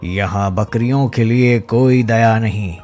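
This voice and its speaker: A man's voice: on the low side, unhurried, darkish tone, soft background music, close to an everyday voice. A man voicing a solemn, commanding voice from the heavens that urges a goat to flee.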